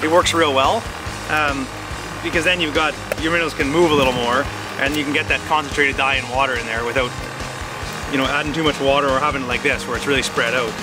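A man in his thirties outdoors on a frozen lake, calmly explaining step by step how he prepares his bait. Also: medium pitch, fast talker, over music, low-quality recording. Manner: steady, practical, step-by-step. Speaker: fishing show host. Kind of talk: instructional explanation.

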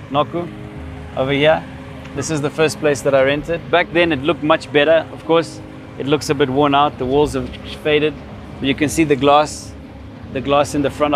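The recording is noisy, with music under the voice of a medium-pitched man in his fifties. He speaks with a Zimbabwean accent, casually reminiscing and explaining personal stories as a vlogger.

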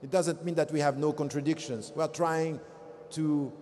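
A man's voice: on the high side, fairly even intonation, moderate pace, warm tone, a little hiss or hum. Impassioned man lecturing in a big hall. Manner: impassioned, rhetorical questions, hand gestures. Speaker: convention speaker. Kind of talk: religious lecture. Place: large convention hall stage. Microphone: podium gooseneck mic. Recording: long reverb of large hall.

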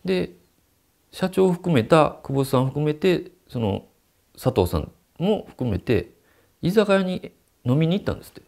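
A man's voice: a little high, big pitch swings, a little slow, vocal fry, a little mellow. A man telling a ghost story and acting out the quoted dialogue.

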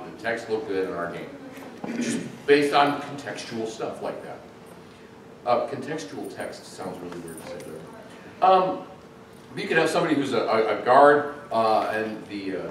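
Middle-aged man, conference speaker, casual and animated, heard from far back in a reverberant hall. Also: fairly low pitch. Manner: animated, chatty, with frequent ums and uhs. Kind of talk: technical conference talk. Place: large echoey conference hall. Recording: echoey hall, distant mic, faint noise.

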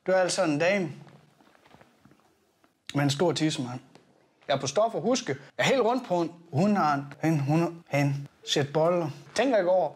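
A man's voice: sits high, natural voice. An actor playing a crude, boastful young party guy who rambles and keeps correcting himself in a comedic confessional monologue. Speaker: comic character recounting a trip.

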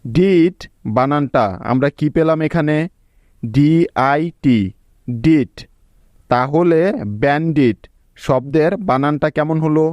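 A man's voice: on the high side, fairly even intonation, normal speed, a little mellow, smooth, dry recording, lo-fi sound. A man teaching English spelling to students, breaking words into syllables and spelling them out letter by letter in a patient way. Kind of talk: spelling lesson.

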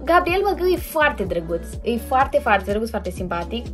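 A woman's voice: a little high, very animated, fairly bright tone. A young woman, chatting casually and hesitantly as the host of her own vlog. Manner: chatty and hesitant, many fillers and self-corrections. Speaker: YouTuber host. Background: background music.

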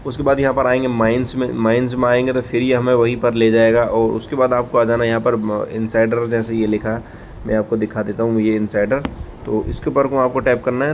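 Walking through an app on a screen recording, this tutorial host stays relaxed and keeps saying "ठीक है" and other fillers over and over. The audio is slightly dull and lo-fi, his voice mid-pitched, and faint noise lingers beneath it all.

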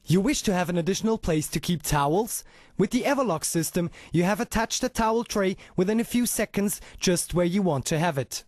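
A man narrating a scripted hard-sell infomercial as an announcer, with an emphatic pitch full of rhetorical questions. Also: lively intonation, fairly quick, darkish tone, no room sound, clean studio sound.

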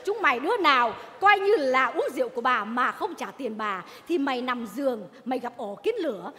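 An actress playing a feisty, foul-mouthed woman wine seller who scolds in rapid tirades in a stage comedy sketch. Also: sits high, expressive, bright, forceful tone, a little hiss or hum. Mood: cursing tirade. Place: theater stage. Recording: reverberant stage hall.

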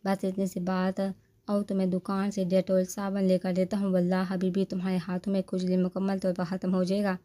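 A playful young man who hams up every line and loves to tease, as a woman reading the novel puts him on. The voice stays mellow and soft-edged, with a flat, even pitch. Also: lightly acted. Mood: teasing. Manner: playful, theatrical teasing. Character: teasing, dramatic young man, a joker.

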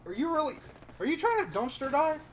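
An excitable man hosts a casual gaming session, his voice pitched high and leaping up and down as he swears his way through the action. Loud gunfire and game noise run under his headset mic. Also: fast. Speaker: let's play host.

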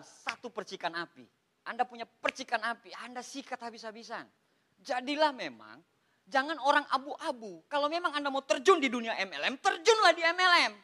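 An Indonesian man speaks as a motivational speaker to a seminar audience. His voice sits high and sounds bright and forceful. He jokes and keeps the delivery animated, turning to the room again and again. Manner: lively, joking, addresses listeners as Pak.

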